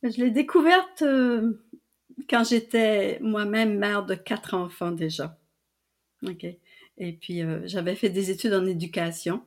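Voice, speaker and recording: An older woman from New Brunswick with a Canadian French accent, a publisher and translator, is the guest in a casual storytelling interview. She tells her story slowly in a mid-range voice, with frequent fillers and restarts.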